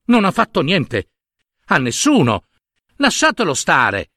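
A man voicing a gentle, protective mother duck in a storybook tale, speaking softly, patiently and coaxingly. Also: fairly high pitch, huge pitch swings, slow, no room sound, studio quality, voice pushed up, exaggerated voice. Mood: tender.

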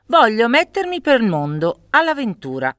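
A woman's voice: on the high side, huge pitch swings, moderate pace, fairly bright tone, no echo, pitched above the performer's own voice. A woman voicing an eager, cocky young man who mocks and boasts.

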